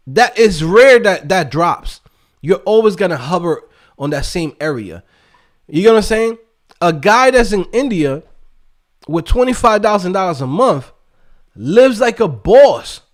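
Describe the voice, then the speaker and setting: A Dominican man who hosts a YouTube channel and coaches developers delivers a casual motivational rant to his viewers in a high-pitched voice. His intonation swings widely, and he comes across as emphatic and streetwise, using plenty of slang and short tag questions to check in.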